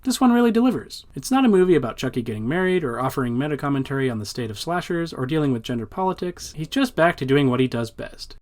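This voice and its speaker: A man's voice: medium pitch, sing-song, fast talker, few pauses, darkish tone. A man narrating a scripted video essay about film history in a wry, informal way. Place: voice-over recorded off screen.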